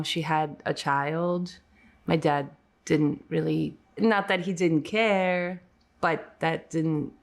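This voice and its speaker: A woman's voice: low-pitched, vocal fry. A woman in her forties from Poland, recalling her childhood casually in a documentary interview, with many fillers. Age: 40s. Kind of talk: documentary interview, personal recollection.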